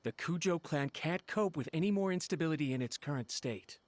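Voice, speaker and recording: Actor as soft-spoken loyal manservant. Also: male voice, fairly high pitch, lively intonation, a little fast, lightly acted. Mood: gentle. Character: loyal male servant, gentle and deferential. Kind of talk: game cutscene dialogue.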